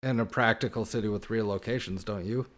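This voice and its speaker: A man's voice: on the low side, steady tone, a little fast, fairly bright tone. A man in casual movie chat as a podcast co-host, rambling and tossing out questions.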